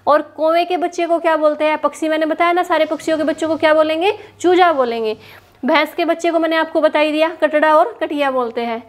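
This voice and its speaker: A woman's voice: high-pitched, fast talker. A woman teaching an exam-prep lesson, asking a question and answering it herself, standing in a small room. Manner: repeats questions and answers for drilling. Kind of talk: classroom lesson. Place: hot room without a fan, standing.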